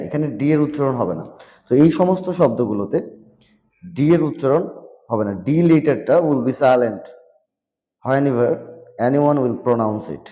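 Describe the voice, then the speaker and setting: A man teaching vocabulary at an unhurried pace, saying each word twice and then giving its meaning. His voice is dark and mellow, at a middle pitch. The room adds a long, trailing reverb. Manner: repeats each word and its meaning, mixing in English phrases. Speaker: English teacher. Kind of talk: slow classroom explanation of vocabulary.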